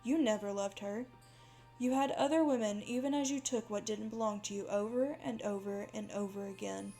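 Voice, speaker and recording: A woman's voice: fairly even intonation, moderate pace, warm tone, soft background music, lightly acted. A woman reading aloud, voicing a menacing male holiday demon who pronounces judgment with malicious glee. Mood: gloating judgment. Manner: booming, gleefully malicious pronouncements. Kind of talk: horror story reading.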